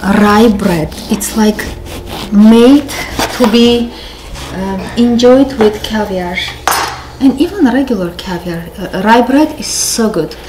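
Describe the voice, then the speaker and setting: A woman's voice: medium pitch, takes it slowly, noisy background. A middle-aged woman with an Armenian accent, talking casually as she tastes food in a family vlog, still a little sick. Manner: chatty, tasting and commenting on food. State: recovering from a cold. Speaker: vlog host. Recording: echoey kitchen with background music.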